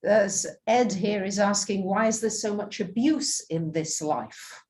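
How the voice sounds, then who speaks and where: A woman's voice: mid-range voice, unhurried, darkish tone. A woman hosting a casual question-and-answer conversation, giving short, affirming replies. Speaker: host reading out questions.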